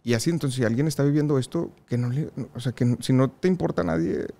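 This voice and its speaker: A young man with a Mexican accent talks casually on a podcast. He tells his stories in a lively, animated way and laughs often. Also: medium pitch, fast, creaky. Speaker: podcast guest. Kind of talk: casual interview storytelling.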